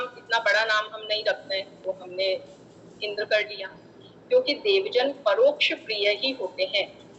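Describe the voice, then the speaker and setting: A woman gives an online lecture on scripture, her voice sitting a little high. She explains in plain teaching tones, chants Sanskrit verses and mixes in English terms. A faint hum of noise runs under the recording. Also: a bit bright, highs cut off. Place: online class.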